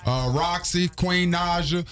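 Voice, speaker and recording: Male morning radio host, animated and joking, faint music underneath. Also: high voice, slow pace, clean tone. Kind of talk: casual morning radio banter.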